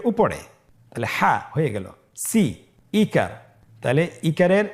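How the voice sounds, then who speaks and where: A man teaching Arabic letter spelling with vowel marks, drawing out each syllable slowly and then explaining calmly to viewers. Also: medium pitch. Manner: slow, drawn-out syllables when spelling words aloud; calm explaining tone, addressing viewers directly. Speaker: Quran reading teacher. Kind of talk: step-by-step spelling drill lesson.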